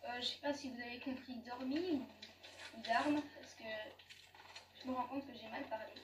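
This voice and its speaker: A woman with a high voice chats through her gameplay, giggling and stopping to correct herself as she goes. She sits some way from the mic in an echoey room. A faint hiss runs underneath. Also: steady tone, normal speed, distant mic. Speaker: gaming YouTuber. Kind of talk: casual gameplay commentary.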